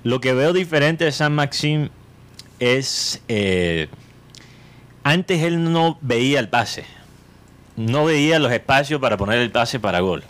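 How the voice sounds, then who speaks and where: A man co-hosting a podcast, chatting about football in an animated, opinionated way and throwing out rhetorical questions. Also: mid-range voice, slow. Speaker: podcast co-host. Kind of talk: casual football chat.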